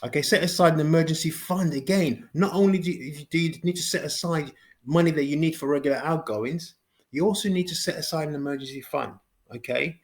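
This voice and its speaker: A man with a fairly high voice giving an informal beginner lesson, repeating phrases and checking in with "okay?" after each point. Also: brisk. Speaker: finance educator. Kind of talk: informal explainer video.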